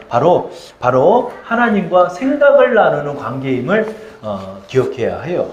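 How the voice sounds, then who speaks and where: A male pastor preaching a sermon in a conversational way, often asking the congregation questions. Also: a little high. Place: church sanctuary. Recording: echoey church sanctuary.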